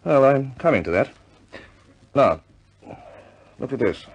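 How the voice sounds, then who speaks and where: A man with a medium-pitched, husky voice plays a grave, businesslike senior British air force officer, delivering a deliberate, measured briefing like something from a 1950s war film. His pitch swings widely, the performance is heavily acted, and the recording sounds lo-fi.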